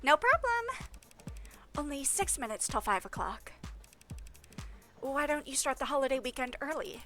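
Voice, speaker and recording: A woman voicing a chipper young female office assistant who bosses her boss around with brisk plans. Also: high-pitched, sing-song, sharp tone, faint music behind, heavily acted. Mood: teasing. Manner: bossy, brisk, fast-scheming.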